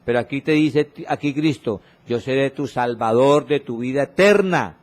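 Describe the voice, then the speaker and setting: A man preaching a sermon, reading scripture slowly and repeating exhorting refrains, with his voice often dropping low and soft for emphasis. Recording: radio broadcast of a church sermon.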